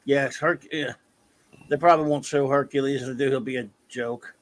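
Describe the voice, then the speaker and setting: A man's voice: mid-range voice, steady tone, moderate pace, no echo. A man in a casual chat, blunt and opinionated, grumbling about comic films.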